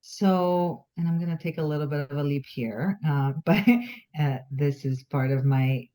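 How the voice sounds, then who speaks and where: A woman's voice: low-pitched, fairly even intonation, a little slow, mellow. A woman, sharing hesitantly in a group session. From Bulgaria. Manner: hesitant, many fillers, self-reflective. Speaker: workshop participant.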